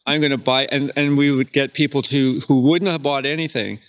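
A man guest explaining his product in a measured, practical way. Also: medium pitch, steady tone. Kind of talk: casual interview talk.

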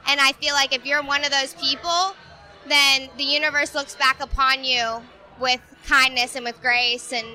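Bright, slangy woman in her late twenties. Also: high voice, moderate pace. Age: late 20s. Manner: animated, slangy, earnest. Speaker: guest. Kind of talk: casual chat. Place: live event venue.

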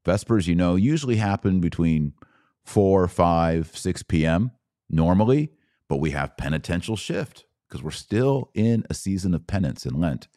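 A podcast host explains religious practice in an informal, enthusiastic way, often answering his own questions. His low, dark voice is animated and moves at normal speed, recorded with studio quality and no echo.

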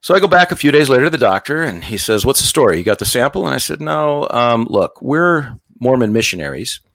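A man's voice: medium pitch, sing-song, fairly quick, creaky, a bit bright, dry recording. A middle-aged man telling a long comic story on stage, acting out the other people's lines. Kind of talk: stand-up storytelling.

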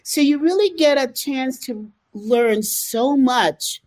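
American woman, slow careful talker, earnest about it. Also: high-pitched, darkish tone. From United States. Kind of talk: conversational discussion.

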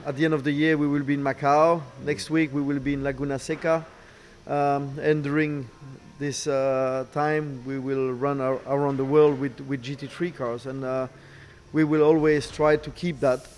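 A middle-aged man, not a native English speaker, answering interview questions haltingly, searching for words and repeating phrases. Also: mid-range voice, flat delivery, a little mellow. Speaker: racing team boss, former driver. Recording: clear background noise, ambient sound.

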